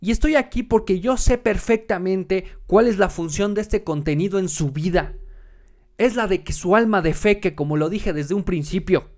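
A man's voice: high-pitched, moderate pace. Sarcastic, foul-mouthed man. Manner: sarcastic, profane, deadpan. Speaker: podcast host. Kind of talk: comedic monologue.

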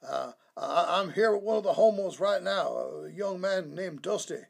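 Gravelly fugitive preacher on speakerphone, as a performer puts him on. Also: mid-range voice, moderate pace. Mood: smug. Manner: stammering, smug, patronizing. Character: sleazy, evasive fugitive male preacher. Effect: heard over a speakerphone. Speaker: caller. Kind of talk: comedy sketch.

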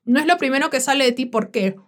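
Woman, podcast host, slow frank reflective talk, slightly high voice. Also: expressive. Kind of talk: reflective monologue.

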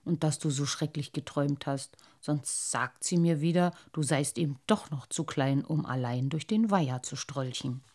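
A woman voicing a calm, caring water-sprite father in a children's story, speaking softly. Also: lowish voice, a little slow, few pauses. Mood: soothing. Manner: soft, soothing.

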